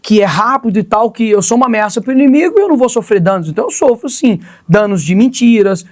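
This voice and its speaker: A man's voice: sits high, lively intonation, a little mellow. A man in his twenties with a Brazilian accent, a politician answering podcast questions in a combative, slangy way. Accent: Brazilian Portuguese. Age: 20s. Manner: fast, combative, conversational with slang. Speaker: politician guest. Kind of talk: podcast interview.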